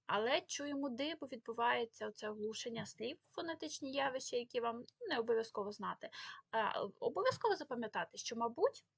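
Husky woman teaching spelling. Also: a little high, animated, fast talker, dry recording. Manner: explanatory, stresses example words. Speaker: language teacher. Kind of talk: spelling lesson.

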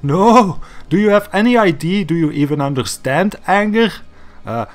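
A man's voice: high voice, lively intonation, normal speed, soft background music. A man YouTuber in an exasperated, sarcastic comedic rant, swearing often.

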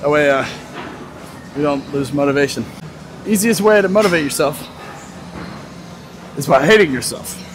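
Recorded on a phone camera set on a tripod nearby, this twenty-something fitness vlogger chats casually while walking around a big gym, loud music playing behind him. His voice sits on the high side, moderately paced with frequent pauses, and he laughs a lot as he rambles.

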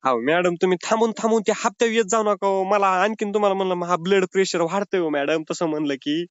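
A man's voice: high-pitched, quick pace, smooth, no room sound. A man making a comic prank phone call, pleading and whining in a mock-sobbing way. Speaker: prank caller.

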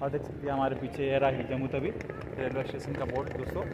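A young adult man speaks fast in a medium pitch with a completely flat delivery as he vlogs his train ride and a busy station, holding his phone at arm's length. Despite the flat tone he is chatty and keeps calling his audience friends. Heavy noise from the train and the station fills the recording.

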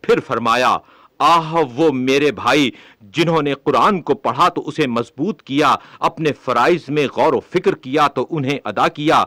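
A man reading a religious book aloud in a measured, solemn way. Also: mid-range voice, fairly bright tone, no echo. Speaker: reader of a religious text.

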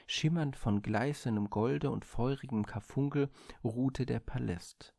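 A man reading a Greek myth aloud in a measured, expressive storybook manner on a studio microphone. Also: mid-range voice, vocal fry, no echo.

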